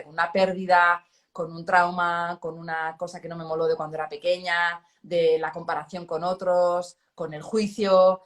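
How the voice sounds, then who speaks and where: A middle-aged woman from hosting a conversation, talking expressively and reflecting on her own thoughts. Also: medium pitch. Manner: expressive, animated, self-reflective. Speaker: host. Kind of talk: casual conversation.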